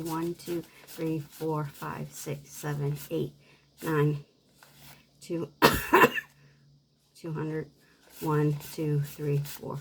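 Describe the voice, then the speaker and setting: A worn-out woman with little energy, talking quietly and unhurriedly as she vlogs a savings game, coughing at times. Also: low-pitched, vocal fry, a little hiss or hum, poor audio. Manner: quiet, subdued, unhurried talk. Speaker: budgeting game creator. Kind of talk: casual savings-game vlog.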